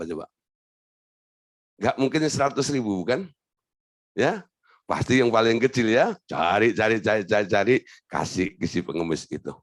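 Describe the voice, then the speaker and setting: Male pastor, animated comic preaching, slightly high voice with wide swings. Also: no echo, studio quality. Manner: animated, acts out whining prayers in a mocking voice. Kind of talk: sermon.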